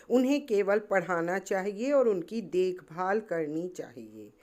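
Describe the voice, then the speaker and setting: Brief: woman teacher, slow and deliberate, paraphrases the text line by line. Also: mid-range voice. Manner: repeats and paraphrases each line. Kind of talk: explaining a textbook chapter.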